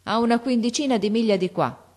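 A woman's voice: a little high, darkish tone, voice pushed up, close to an everyday voice. A woman doing a kindly shopkeeper man. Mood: reassuring. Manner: brisk, reassuring. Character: kindly Italian shopkeeper, middle-aged man.

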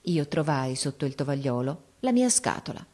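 A woman reading a story aloud in a measured, expressive storytelling manner. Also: low voice. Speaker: audiobook narrator. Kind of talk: scripted literary narration.

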